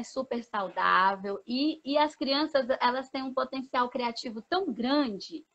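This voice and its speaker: A fairly high-voiced woman talks as a pedagogue in a casual interview, explaining step by step and tagging her sentences with little questions. The sound is dull and lo-fi, as on a video call. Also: fairly bright tone. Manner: explanatory, many "né?" tags and restarts. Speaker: pedagogue guest.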